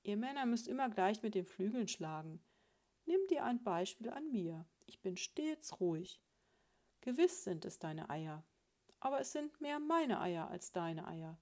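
A woman reading a storybook, voicing a prim, self-assured female sparrow who lectures her husband in a patronizing, gently scolding way. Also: mid-range voice, very animated, unhurried. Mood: lecturing.

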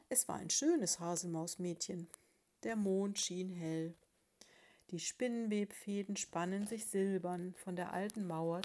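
Woman reading a kids story, warm mellow voice, calm and even. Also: mid-range voice. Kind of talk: scripted storybook narration.

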